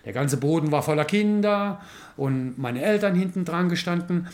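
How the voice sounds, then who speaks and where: A man hosting a podcast, telling an anecdote in a casual, animated way with many fillers and tag questions. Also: a little high, normal speed. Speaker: podcast host. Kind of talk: casual storytelling chat.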